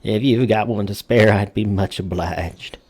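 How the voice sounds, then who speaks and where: A man's voice: on the low side, measured pace, darkish tone, slight background noise. Man doing a drawling old prospector geezer. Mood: folksy grumbling. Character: folksy old prospector man with bad knee. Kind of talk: reading a letter in character.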